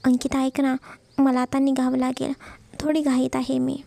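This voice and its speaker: A woman voicing a shy, guarded young college woman who speaks hesitantly and softly. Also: sits high, completely flat delivery, normal speed, gravelly, dry recording. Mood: reassuring.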